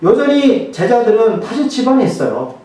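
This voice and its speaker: In a church, a male pastor with a very high, warm, sing-song voice preaches at normal speed. He's conversational and joking, constantly asking his congregation rhetorical questions, and the far-off mic captures it in a very echoey hall.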